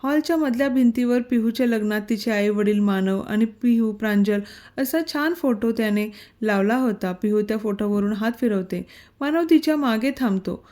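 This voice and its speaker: A woman narrating a romantic story in a steady storytelling voice. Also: fairly high pitch, normal speed. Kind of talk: scripted narration.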